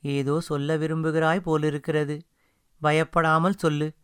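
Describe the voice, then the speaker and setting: A man voicing a gentle, tearful queen who speaks softly and haltingly, in an audiobook reading. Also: on the high side, level tone, clear, resonant tone, dry recording, clean studio sound. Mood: sorrowful. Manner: soft, halting.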